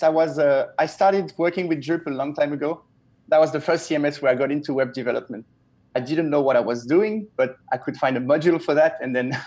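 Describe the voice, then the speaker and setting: Swiss-born man chatting on a video call. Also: a little high. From Switzerland. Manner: relaxed, chatty, enthusiastic. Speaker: guest web developer. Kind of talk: casual video-call interview. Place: small home office with a window. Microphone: earphone headset on a video call.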